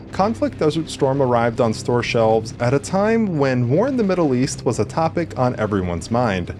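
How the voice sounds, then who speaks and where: A man giving a wry, conversational scripted narration as a video game reviewer. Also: mid-range voice. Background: background music.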